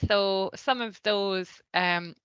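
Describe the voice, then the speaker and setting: A woman's voice: medium pitch, slow pace, fairly bright tone, clean tone, no room sound, dull audio. An Irish woman giving a training talk, explaining patiently step by step with frequent ums. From Ireland. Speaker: cultural awareness trainer.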